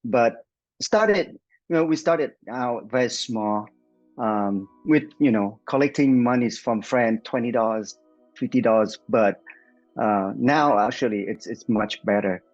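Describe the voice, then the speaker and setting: A man's voice: mid-range voice, measured pace, dull audio, soft background music. A man in his forties from Vietnam with a Vietnamese accent, a nonprofit founder answering interview questions with many fillers and restarts.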